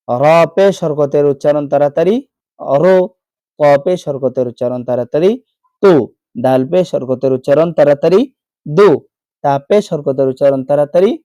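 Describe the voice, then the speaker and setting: A man teaching Quran reading in a Bangladeshi Bengali accent, slowly drilling letter sounds again and again in an online lesson. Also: a little high, mellow, no room sound, studio quality.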